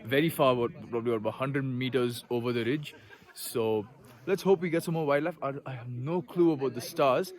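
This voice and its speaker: A man narrates his trek in an informal vlog style, recorded outdoors. His voice sits at a medium pitch and he speaks as if chatting to his viewers. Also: fairly quick. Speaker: trekking vlogger. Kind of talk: casual vlog to camera.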